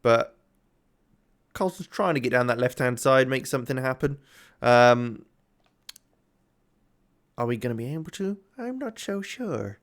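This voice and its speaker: Pausing often and speaking a little slowly, this medium-pitched, clean-toned gaming YouTuber casually comments on his own game. He's tired and yawning, rambling to himself and thinking aloud with lots of ums.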